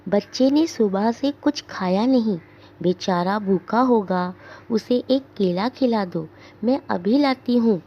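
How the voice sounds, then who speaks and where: A woman's voice: mid-range voice, slow pace, lo-fi sound. A woman reading as a fussy neighbour woman. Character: fussy helpful neighbour woman, full of advice.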